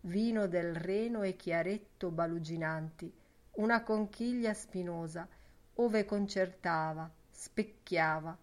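Slow, lyrical woman reading a novel. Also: lowish voice. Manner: measured and lyrical. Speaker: audiobook reader. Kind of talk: literary audiobook narration.

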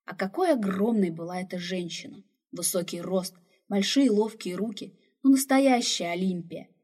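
A woman narrating a fantasy story in a steady, expressive reading voice. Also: mid-range voice, husky. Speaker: audiobook narrator.

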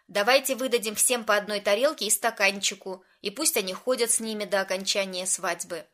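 A woman's voice: medium pitch, fairly quick, fairly bright tone, close to an everyday voice. A woman voicing a firm, practical young woman who speaks unbendingly in a storybook reading.

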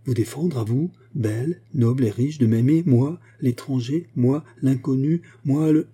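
A man's voice: mid-range voice, a little slow, dark tone, breathy edge, pitched above the performer's own voice. A man voicing a tormented young Corsican lover. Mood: anguished. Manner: impassioned, pleading.

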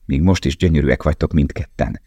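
A man reading the part of a young male prisoner tattooist, earnest and gentle in a storybook. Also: rumbling low, breathy edge, no room sound. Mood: tender.

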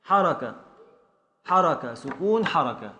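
A man's voice: on the high side, big pitch swings, unhurried, sharp tone, a little hiss or hum. A man with an Egyptian accent teaching a classroom lesson, patiently drilling students by repeating and counting along. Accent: Egyptian Arabic. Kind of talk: classroom lesson on Arabic prosody.

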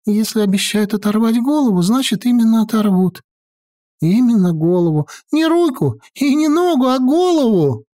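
A woman voicing a jittery, cowardly male sorcerer who pleads and frets in a high, whining patter. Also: lively intonation, normal speed, mellow, natural voice. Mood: fearful pleading.

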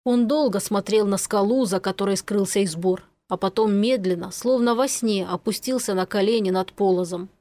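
A woman reading an adventure audiobook aloud with steady, vivid storytelling. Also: medium pitch, moderate pace, hardly any pauses, dry recording. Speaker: narrator. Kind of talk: audiobook narration.

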